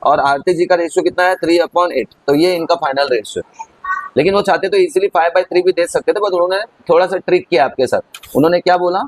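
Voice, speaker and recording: A man's voice: high voice, brisk, no echo, poor audio. A man teaching an accounting lesson in a chatty way, talking straight to his students as he works through a problem. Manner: chatty, addresses students as kids. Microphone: recorded over on-screen writing.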